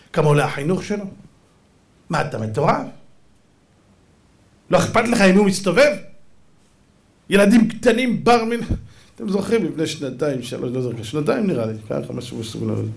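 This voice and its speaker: A man preaching a Torah lesson as a rabbi, his voice sitting a little high and leaping about in pitch. He drives his points with rhetorical questions and sudden emphatic bursts, now and then acting out other voices. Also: vocal fry. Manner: acts out quoted voices.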